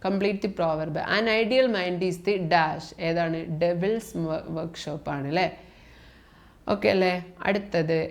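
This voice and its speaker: Woman, Malayali accent, exam tutor, slow deliberate pace, reads options aloud, confirms each answer. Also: fairly low pitch. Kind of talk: reading out mock test questions and answers.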